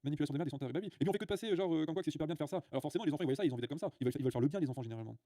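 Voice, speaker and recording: A man's voice: fairly high pitch, very fast, mellow, no echo, studio quality. A man hosting a livestream, ranting bluntly to his viewers with many filler sounds and restarts. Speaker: livestream host. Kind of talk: casual livestream rant.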